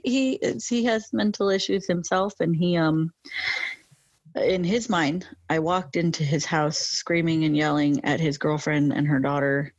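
A woman's voice: deep voice, no room sound, dull audio. A young woman with a lateral lisp, chatting casually in an interview, rambling with many fillers. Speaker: interview guest.

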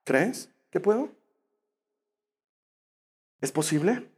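A man preaching who voices Jesus as calm and unhurried, speaking in a low, quiet, gentle voice. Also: breathy edge, full character voice.

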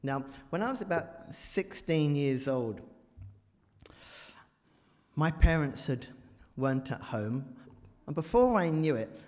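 A man's voice: fairly high pitch, animated, slow pace, pauses often, a little mellow. Joking man preaching in a church. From England. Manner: chatty and joking, quizzes the audience. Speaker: guest preacher. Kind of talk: church talk. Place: large church. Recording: reverberant church hall.

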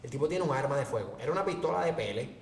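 A man with a Puerto Rican accent hosting a casual podcast, telling stories with lively quoted voices. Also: medium pitch, very fast, gravelly, recorded from a distance. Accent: Puerto Rican Spanish. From Puerto Rico. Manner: animated storytelling, acts out quotes in raised voice. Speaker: podcast host. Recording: echoey room, faint background noise.

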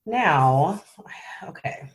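A woman with a low voice that swoops up and down a lot, talking in an unhurried way. She giggles often and gets a bit flustered as she co-hosts a casual game chat. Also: animated. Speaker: podcast co-host.

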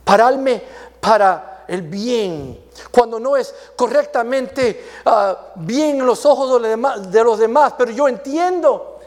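A man preaching a sermon, earnest and repeating words as he restarts, his delivery moving between raised and hushed passages. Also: very high-pitched, expressive, slow.

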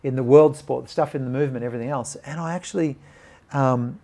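An Australian man guesting on a podcast tells a personal story fast and animatedly, in a medium-pitched voice, acting out the voices of the people in it.

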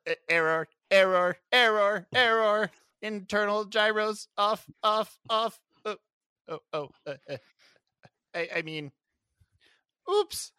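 A man's voice: high-pitched, takes it slowly, pushed and bright, clean tone, dry recording, clean studio sound, pitched above the performer's own voice, heavily acted. A man voicing a flustered female robot beauty contestant who glitches, stutters and repeats error words in bursts. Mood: glitching, flustered. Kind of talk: tabletop roleplay in-character speech.

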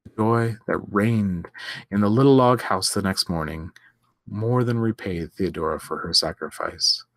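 A man, the host, reading a story aloud in a measured, expressive way. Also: fairly low pitch, no echo, studio quality.

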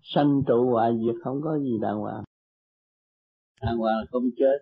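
A man, a meditation teacher counseling a disciple, gentle and teasing, speaking in short maxims. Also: mid-range voice, measured pace, creaky, slightly rough. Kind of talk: spiritual counseling. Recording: tinny lo-fi tape.

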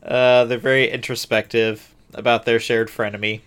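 A man's voice: mid-range voice, little pitch movement, normal speed, a bit bright, smooth. A man co-hosting a casual chat, giving wry, sarcastic summaries of a TV episode with many filler words. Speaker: podcast co-host.

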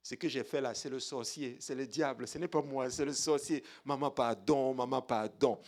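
A man voicing a terrified royal minister who begs forgiveness in a low, hushed, pleading voice. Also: moderate pace, lightly acted. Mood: begging. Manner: pleading, whimpering apologies. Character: terrified grovelling male royal minister begging.

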